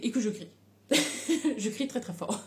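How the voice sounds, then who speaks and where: Give me a lively young woman telling her own story, laughing often, with faint background noise. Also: mid-range voice, normal speed. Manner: animated, laughs often, slangy. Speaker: vlogger. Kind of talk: casual storytelling.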